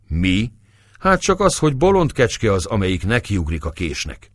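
A big-jawed, sullen foot soldier, as a male narrator puts him on drawls in slow, rustic speech and throws out taunting questions. The voice sits low, but it leaps upward on the questions. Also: wildly swooping pitch, dry recording, studio quality. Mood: drawling, taunting.

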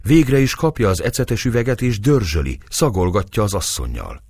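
Deep husky male audiobook narrator. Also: dry recording. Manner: expressive, dramatic.

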